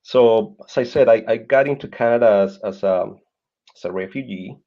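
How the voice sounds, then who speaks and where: As a guest on a podcast, a thirtysomething Colombian man tells his life story in earnest, his Colombian Spanish accent clear, often repeating words while hunting for them. He talks on the low side at a normal speed, and the recording is dull and lo-fi.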